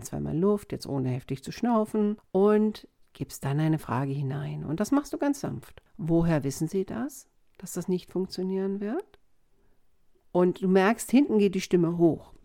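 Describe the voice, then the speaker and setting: Mellow-voiced woman coaching calmly. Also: lowish voice, gravelly. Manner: calm, explanatory, frequent "ne?" tag questions. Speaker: communication coach. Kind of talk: podcast monologue.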